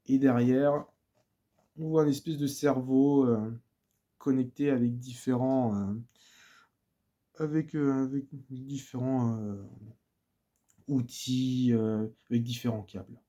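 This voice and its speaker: A man's voice: medium pitch, fairly even intonation, slow, pauses often, dark tone. A man chatting casually in a video about his purchases, talking with many fillers and restarts. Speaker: vlogger presenting records and books. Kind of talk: casual chat.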